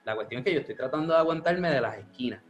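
Animated man telling a story. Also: medium pitch, rapid-fire, dull audio, faint music behind. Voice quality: animated, mixes English words. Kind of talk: casual storytelling chat.

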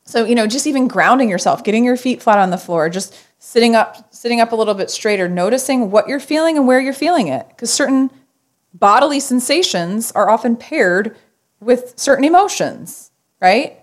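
A woman as a podcast guest, telling a personal story in an earnest, animated conversational way. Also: a little high, normal speed.

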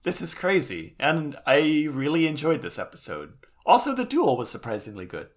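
Podcast co-host, casual chat, ranting, swears, lively swinging pitch, mid register. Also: normal speed. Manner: animated, ranting and swearing for comic effect.

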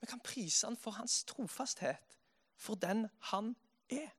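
A man preaching a sermon in a lively way, dropping soft and then rising to loud exclamations. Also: high-pitched, husky.

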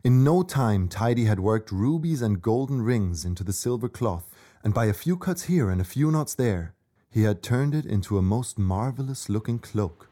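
A man's voice: fairly low pitch, animated, moderate pace, mellow. A man narrating a scripted children's story as the storyteller.

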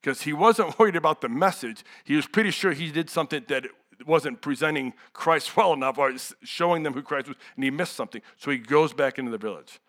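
A man's voice: on the high side, brisk, a bit bright. Man preaching a conversational sermon. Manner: conversational, candid, with asides and rhetorical questions.

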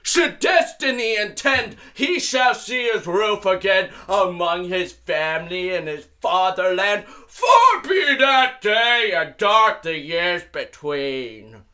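A man's voice: sits high, sing-song, slow, few pauses, bright, forceful tone, full character voice. Cyclops: a man playing a bellowing blinded giant. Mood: raging lament. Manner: bellowing threats and wailing curses. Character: huge one-eyed male giant, blinded and raging.

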